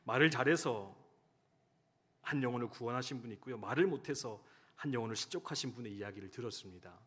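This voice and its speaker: Male pastor, storytelling sermon, average pitch, church hall echo. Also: animated, fast, fairly bright tone, slightly rough. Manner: storytelling, acting out quoted lines. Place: church sanctuary. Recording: long hall reverb.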